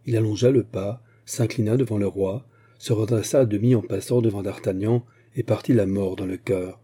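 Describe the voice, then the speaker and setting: A man narrating a classic novel as an audiobook in a measured, even storytelling manner. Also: fairly low pitch, slightly rough.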